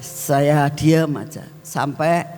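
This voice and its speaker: A woman evangelist preaching a sermon, telling personal stories with an animated storyteller's manner. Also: low voice, drawn-out words, in a large hall, faint music behind. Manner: animated storyteller, addresses the congregation as brothers and sisters.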